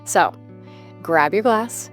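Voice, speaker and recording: During a casual podcast conversation, a thirty-something female host muses aloud, her sentences frequently drifting off and restarting. She speaks slowly and expressively at medium pitch, with soft music playing underneath.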